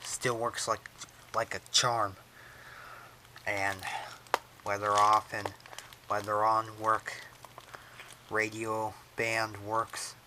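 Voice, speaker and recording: This radio collector speaks very slowly in a completely flat, low voice, pausing often against a noisy background. He casually shows off a radio in an unboxing vlog, rambling as he handles it and filling the gaps with many "so"s and "uh"s.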